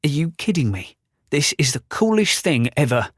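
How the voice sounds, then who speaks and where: A man voicing an excitable young boy apprentice in an audiobook, with eager, breathless exclamations. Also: fairly high pitch, moderate pace, slightly rough, no echo, studio quality, voice pushed up. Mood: excited. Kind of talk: audiobook character voice.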